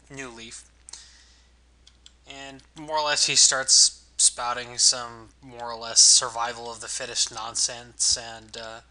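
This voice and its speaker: A man with a very bright, sharp voice and average pitch hosts a let's play. His commentary is casual and wry, delivered with amused understatement. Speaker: gaming video host.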